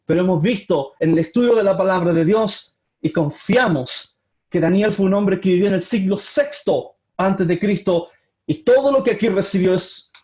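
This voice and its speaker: A man's voice: high-pitched, normal speed, darkish tone. A man leading a Bible study, explaining scripture in an earnest way and often repeating or restarting his phrases. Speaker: Bible teacher. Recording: dull lo-fi audio.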